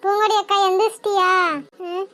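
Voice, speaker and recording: A bossy but caring village neighbor woman, voiced by a woman in a cartoon, scolding and urging. Her voice sits high. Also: flat delivery, a little fast, a bit bright, slight background noise. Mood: urgent. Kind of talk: cartoon voice acting.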